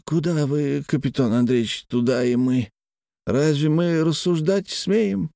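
Мужчина озвучивает угодливого, пьяного приказчика в аудиокниге. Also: male voice, a little high, measured pace, vocal fry, no echo, clean studio sound, voice pushed up. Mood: fawning. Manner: fawning, slurred drunken shouting. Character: drunken servile male shop clerk.

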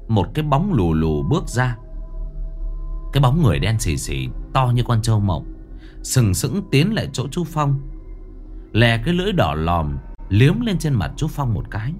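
A man narrating a ghost story in a dramatic, expressive reading. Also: medium pitch, normal speed, soft background music.

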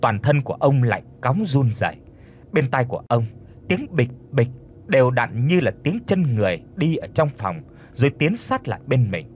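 A man reading a horror story aloud in an expressive, steady way. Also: medium pitch, moderate pace, slight background noise. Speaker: audiobook narrator. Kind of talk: scripted horror story narration.

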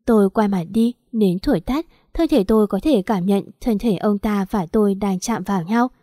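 Woman audiobook narrator, first-person story, mellow warm tone, dry close sound. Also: mid-range voice, normal speed, dry recording.

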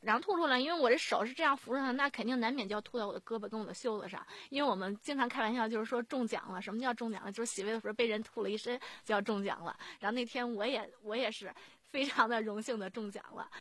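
An emergency nurse, a woman, tells her stories fast and earnestly, with plenty of fillers and restarts. Her voice sits a little high, and the recording is dry and close with no room sound. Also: a bit bright, dry recording. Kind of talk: personal storytelling in a radio interview.

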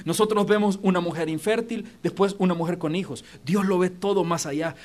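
Pastor guy preaching in church, pretty high voice, talks right to the crowd. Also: brisk, darkish tone. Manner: emphatic, addresses congregation directly. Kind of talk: sermon. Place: church auditorium.

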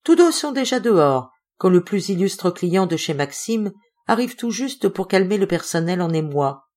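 A woman's voice: lowish voice, very animated, normal speed, a little mellow. French woman narrating an audiobook. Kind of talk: audiobook reading.

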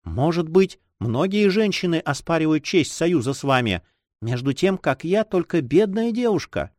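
A man's voice: a little high, big pitch swings, moderate pace, darkish tone, no echo, clean studio sound. A man reading a timid, sad sixteen-year-old girl in an audiobook, with a sorrowful, trembling manner.

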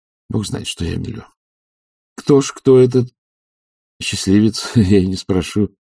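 A man voicing an idle, soft-hearted nobleman who gets emotional, with eager exclamations. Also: fairly low pitch, measured pace, vocal fry, slightly rough, no room sound, studio quality, full character voice. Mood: excited.

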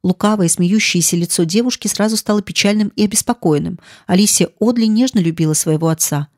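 A woman narrating a classic novel in an audiobook, in a calm, even storytelling way. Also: medium pitch, fairly quick, no echo, studio quality.

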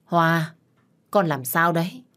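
A woman's voice: on the low side, takes it slowly, fairly bright tone. A woman voicing an elderly, bedridden grandmother who asks questions with concern.

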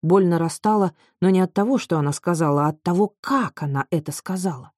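Woman audiobook reader, low mellow voice, measured delivery, dry close sound. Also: no echo. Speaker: audiobook narrator. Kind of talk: scripted narration.

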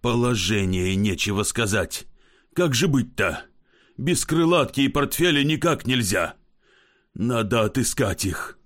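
A man voicing a drunk middle-aged gentleman who coaxes and curses, fussy and blustering. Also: mid-range voice, lively intonation, unhurried, lightly acted. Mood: flustered. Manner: coaxing, then cursing in frustration.

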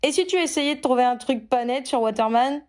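A woman's voice: sits high, brisk, a little mellow, voice pushed up, natural voice. A woman reading a storybook, voicing a blunt, hot-headed young man. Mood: indignant.

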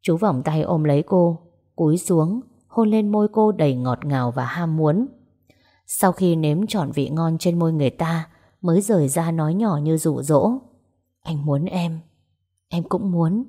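A woman narrating a romance story aloud and voicing its characters in a gentle, even way. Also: sits low. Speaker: audiobook narrator. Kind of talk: storytelling narration with dialogue voices.

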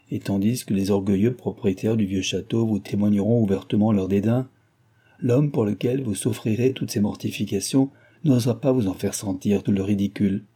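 A stern, grave older advisor from a classic novel, issuing warnings, as a male reader brings him to life. His voice is dark and mellow with a husky edge. This is audiobook storytelling with measured authority. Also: lowish voice. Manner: grave, admonishing.

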